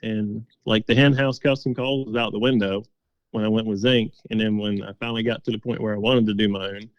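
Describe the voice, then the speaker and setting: A man's voice: fairly low pitch, fairly even intonation, fairly quick, no echo, muffled recording. A middle-aged man being interviewed, telling stories in a folksy, casual, conversational way. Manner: folksy, quotes past conversations as dialogue. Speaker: interview guest, game call maker.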